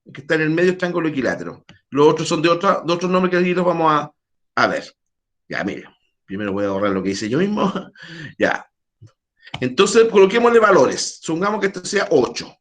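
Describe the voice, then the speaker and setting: A man's voice: on the high side, expressive, fairly quick, fairly bright tone. A man teaching a math class over a video call, quizzing his students and making chatty asides.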